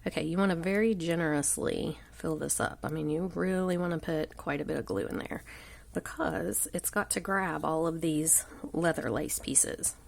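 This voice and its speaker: Her voice gravelly and low-pitched, a woman congested with a cold chats her way through a casual live craft tutorial at a normal pace. She works at an indoor craft table under an overhead camera focused on her hands. She rambles and often lowers to a murmur.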